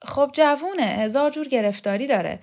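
A woman's voice: sits high, darkish tone, pitched above the performer's own voice. A woman voicing a poor, wistful old father.

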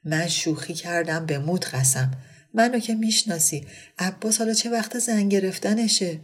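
A jovial aristocratic lady full of playful jokes and exclamations, as a woman narrator puts her on. Her low voice stays cheerful and teasing, and she turns easily from mischief to gentle comfort. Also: husky. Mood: soothing.

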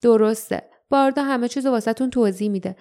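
Cheerful pedlar man, put on by a woman, friendly, hushed hurry, warm mellow tone, audiobook. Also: lightly acted. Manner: friendly, low-voiced hurry.

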